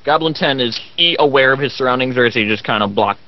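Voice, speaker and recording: A man of medium pitch chats casually as a player in a tabletop game. His audio sounds dull and lo-fi. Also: fast, no room sound. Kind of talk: casual chat.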